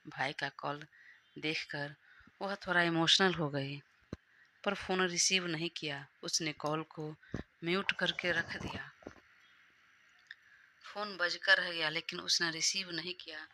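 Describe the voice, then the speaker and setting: A woman storyteller narrates a romantic audio novel in a calm, even way. She reads slowly with a very bright, sharp timbre. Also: deep voice.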